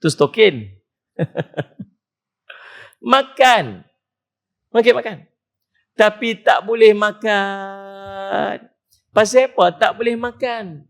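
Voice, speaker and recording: A man with a Penang Malay accent giving a humorous, animated mosque lecture, mimicking people as he preaches. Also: high-pitched, drawn-out words, pauses often. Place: mosque hall.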